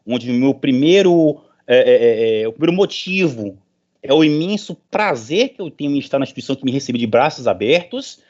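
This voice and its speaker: With a medium-pitched, slightly mellow voice and lively intonation, the middle-aged professor speaks briskly to his online meeting. He is casual, emphatic and encouraging, repeating phrases for emphasis, and the call audio is dull and low fidelity.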